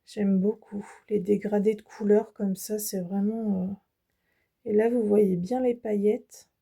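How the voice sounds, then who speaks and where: Slow, dark-voiced French woman vlogger. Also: mid-range voice, steady tone, gravelly, slightly rough. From France. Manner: slow, hesitant, many fillers and restarts. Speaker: embroidery channel host. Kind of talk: casual product show-and-tell.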